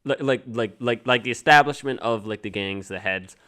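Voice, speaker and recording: A man co-hosting a podcast, chatting casually in a halting way with lots of restarts. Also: medium pitch, a bit bright, clear, resonant tone. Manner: halting, full of restarts and repeated "like". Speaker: podcast co-host. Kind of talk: casual chat.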